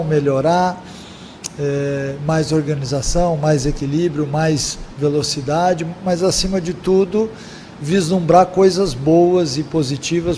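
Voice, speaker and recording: A man, a football coach, giving measured press conference answers with frequent fillers. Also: a little high, a little mellow, big-room sound, slight background noise. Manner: measured, repeats 'é' and 'né' fillers.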